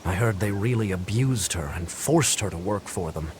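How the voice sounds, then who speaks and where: Game townsman: earnest, lowish voice, conversational storyteller, slight background noise. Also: lively intonation, moderate pace, darkish tone. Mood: somber, matter-of-fact. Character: earnest male townsman recounting grim local news. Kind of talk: video game voice acting.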